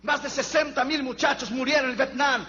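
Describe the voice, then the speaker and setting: In a dull lo-fi recording with a faint hum, a male pastor with a high voice preaches his sermon fervently and repetitively, a little fast and with a steady tone. He swings between shouting and near-whispers.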